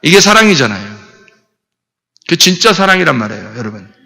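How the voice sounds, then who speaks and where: A man's voice: fairly high pitch, big pitch swings, brisk, gravelly, bright, forceful tone. A male pastor giving a Sunday morning sermon, emphatic and repetitive, with many rhetorical questions. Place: church sanctuary. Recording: long church reverb.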